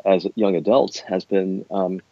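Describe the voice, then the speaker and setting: A middle-aged man, an academic, speaking discursively and thoughtfully in a conversational interview, with hesitant, measured phrasing. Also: sits low, flat delivery. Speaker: university academic being interviewed. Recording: dull, roomy, echoey sound.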